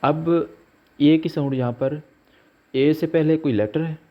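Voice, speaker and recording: A man teaching pronunciation rules, slowly spelling out letters and example words. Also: on the high side, fairly even intonation. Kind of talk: slow explanatory lesson. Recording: dull lo-fi recording.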